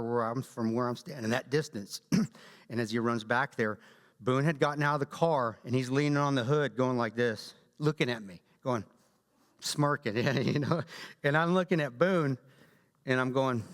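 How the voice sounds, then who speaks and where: A man giving a talk at a church, telling a combat story in an animated way and acting out quotes. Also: mid-range voice. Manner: animated storyteller, acts out quotes, laughs often. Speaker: guest speaker. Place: church hall. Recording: long hall reverb.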